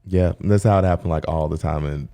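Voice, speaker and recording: A man with a deep voice that has a gravelly, rough edge. His tone is dark and mellow. He tells casual stories with lots of energy, acts out what other people said, and laughs often. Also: quick pace. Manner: animated storytelling, acting out quotes, laughing often. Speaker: hairstylist and podcast co-host. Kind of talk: casual chat.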